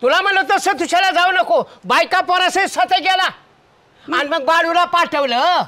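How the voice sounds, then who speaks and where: In this village comedy acting, the performer's voice is extremely high-pitched and sharp, delivered at a moderate pace. He portrays a hungry old farmer who grumbles, complains and scolds his wife.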